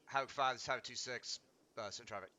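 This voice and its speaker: A man's voice: mid-range voice, fast talker. A man giving procedural military orders and call signs over the radio in a game, as a platoon leader. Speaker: military simulation game player leading a platoon. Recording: very noisy, gunfire behind voice.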